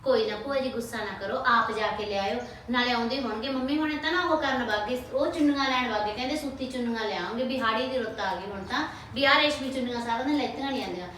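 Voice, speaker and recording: A woman's voice: fairly high pitch, a bit bright, slight background noise, natural voice. An actress playing a flustered young village wife who talks on and on to keep her guests happy. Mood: placating. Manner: fast, placating chatter. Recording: echoey room, distant mic.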